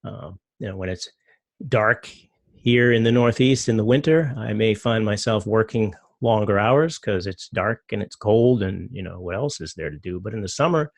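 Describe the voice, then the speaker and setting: Talking loosely over his slides, a middle-aged man rambles at a normal pace and leans heavily on filler words. The low, gravelly voice is captured dry and up close, without any room sound.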